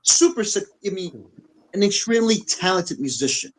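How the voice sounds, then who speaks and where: Brief: high-voiced male podcast co-host, blunt and profane, repeats himself mid-rant. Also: moderate pace, slight background noise, low-quality recording. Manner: blunt, repetitive, profane, animated. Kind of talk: heated opinion rant. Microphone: on camera.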